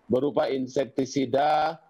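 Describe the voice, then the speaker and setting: Husky-voiced man, farmer. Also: mid-range voice, unhurried. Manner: steady, listing items one by one. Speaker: tomato farmer. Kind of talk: practical explanation in an interview.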